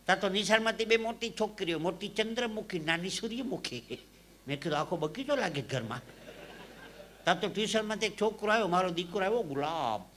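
A man from Saurashtra, telling comic stories live on stage into a microphone. His delivery swings from hushed asides to loud punchlines. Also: high-pitched, animated, a little fast. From Saurashtra, Gujarat. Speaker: stage comedian and storyteller. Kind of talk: live folk comedy storytelling.

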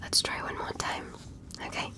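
Playing an examiner, this ASMR performer becomes a polite, inquisitive alien doctor looking over a human. Her breathy whisper delivers formal directions at a slow, deliberate pace, with a gentle instructional touch.

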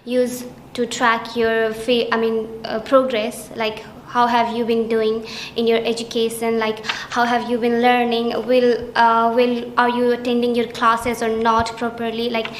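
A woman's voice: on the high side, unhurried, a little hiss or hum. A young woman from Nepal, an international student, answering interview questions with many hesitations and fillers. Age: young adult. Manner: hesitant, many fillers, flat steady delivery. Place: small indoor study room. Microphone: camera at chest framing. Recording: roomy indoor echo, faint ambience.

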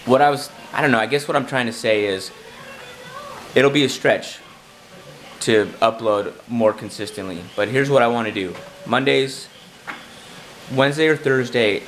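A man with a raspy, hoarse voice from a cold, chatting casually and rambling a bit in a self-deprecating, jokey way to his vlog camera. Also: medium pitch, moderate pace, fairly bright tone, slight background noise, rough recording. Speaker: vlogger.

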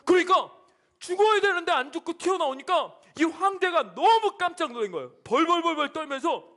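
Animated male pastor preaching to children. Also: very high voice, fairly quick. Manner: animated storytelling, asks the kids questions. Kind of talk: children's sermon.

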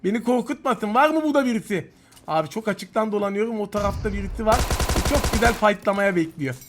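A man rattles off quick, high-pitched commentary on his gameplay, taunting opponents and chatting with his viewers. Game gunfire and clicks crackle loudly behind his voice. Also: expressive. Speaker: gaming YouTuber.

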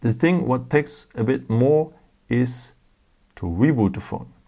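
A man's voice: medium pitch, expressive, takes it slowly, creaky, mellow. A man hosting a casual step-by-step phone tutorial, patient, with frequent fillers and non-native phrasing, recorded indoors at a table. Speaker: tech tutorial host.

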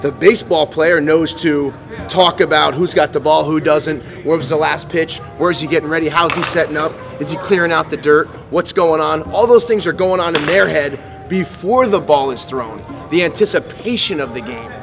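Excitable high-voiced baseball coach. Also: male voice, normal speed, vocal fry. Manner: excitable, exclaims at each hit. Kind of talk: on-field coaching demo with play-by-play. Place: large indoor sports training facility. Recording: music playing underneath.

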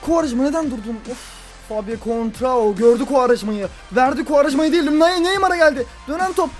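High-voiced young man raging at a football game. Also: expressive, fast talker, soft background music. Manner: swings from grumbling to loud exasperated outbursts. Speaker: gaming YouTuber. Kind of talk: live football game commentary.

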